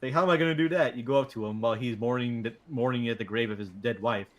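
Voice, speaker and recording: A man joining a stream as co-host, joking in casual banter and retelling game quests in an animated way. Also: medium pitch, quick pace.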